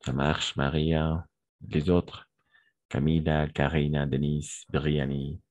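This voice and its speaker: Slow, deep-voiced French teacher. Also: male voice, flat delivery, a little mellow, no echo. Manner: patient, repeats forms slowly and praises students. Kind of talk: online French grammar lesson.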